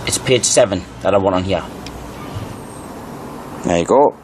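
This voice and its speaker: In an unhurried, low-pitched voice, a man gives informal video commentary presenting old newspaper articles, reading passages aloud and emphatically repeating key phrases. Background noise is audible.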